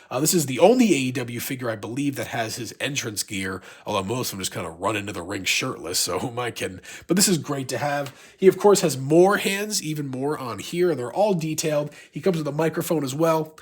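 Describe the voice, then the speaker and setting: A man reviews collectibles casually, his husky voice stuffed up by a sick, blocked nose. He rambles along in a mid-pitched voice, gushing like an excited fan. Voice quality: congested, stuffy-nosed. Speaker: YouTube toy collector and reviewer.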